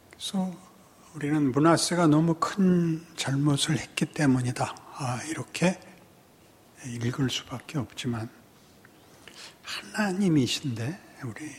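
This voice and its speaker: Slow, halting Korean pastor preaching. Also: male voice, mid-range voice, a little hiss or hum. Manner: slow, halting delivery with many pauses and fillers, sudden emphatic rises. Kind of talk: sermon.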